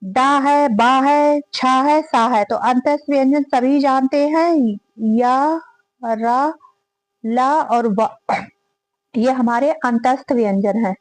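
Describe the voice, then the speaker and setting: A woman's voice: high-pitched, slow, dry recording, low-quality recording. A woman teaching a grammar lesson, reading out quiz questions and going through the answer options one by one. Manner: reads each question then lists and repeats the options aloud.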